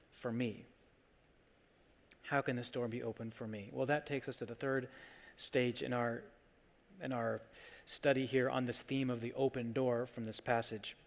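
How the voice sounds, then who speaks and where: A man's voice: mid-range voice, big-room sound. A male pastor preaching a sermon in a church, telling a story and building to emphatic, repeated points. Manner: storytelling, rising emphatic repetition. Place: church sanctuary.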